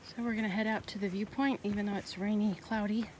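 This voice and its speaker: This hiking vlogger talks fast at medium pitch, describing her rainy forest walk in a plain, casual, matter-of-fact way. The outdoor recording is rough, with constant rain noise behind her.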